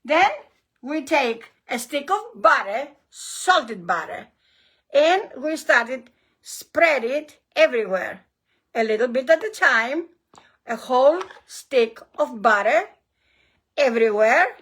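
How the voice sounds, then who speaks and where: A woman's voice: high voice, animated, slow, a bit bright, husky. A woman with a Greek accent leading a hands-on recipe demonstration as a cooking host, encouraging and emphatic, often repeating her phrases.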